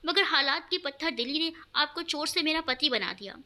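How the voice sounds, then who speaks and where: Woman reading a hurt young bride in an audio story, sharp and reproachful, high bright voice. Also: animated, normal speed, full character voice.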